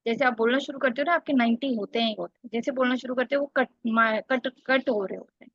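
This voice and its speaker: A woman tutor with a slightly high voice coaches a single student, correcting his reading and explaining step by step. The sound is dry and a little dull. It has the steady pace of an online lesson. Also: quick pace, no echo. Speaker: English exam tutor.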